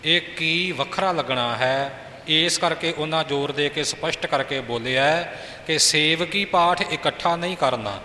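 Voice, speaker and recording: Slow, bright-voiced male recitation teacher. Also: fairly high pitch, a little hiss or hum. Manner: patient, slow, half-chanting examples. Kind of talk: pronunciation instruction. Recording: reverberant echoey hall.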